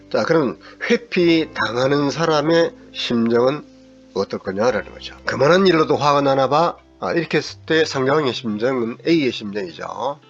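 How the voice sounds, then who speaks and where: A middle-aged man lecturing as a counseling psychologist, explaining step by step and sometimes acting out angry remarks in a raised voice. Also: medium pitch. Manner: acts out angry quoted lines in a raised voice. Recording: slightly dull recording with faint guitar music.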